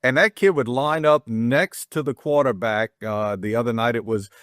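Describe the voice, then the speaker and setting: A middle-aged man hosting a casual high school sports talk show, rambling and chatty, with frequent restarts and self-deprecating jokes. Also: moderate pace, a bit bright, no room sound, studio quality.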